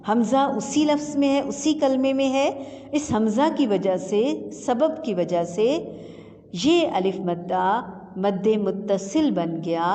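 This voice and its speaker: A woman teacher leading a slow recitation lesson, spelling out syllables patiently and drawing out each sound. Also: medium pitch, warm tone. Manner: patient, drawn-out syllable drills. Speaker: Quran reading teacher. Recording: long reverb with faint music.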